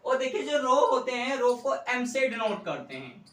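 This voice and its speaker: A man's voice: extremely high pitch, big pitch swings, a bit bright. Patient male tutor in a roomy space. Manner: methodical, repeats each point slowly. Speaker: economics tutor. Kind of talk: step-by-step maths lecture. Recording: roomy, mic set at a distance.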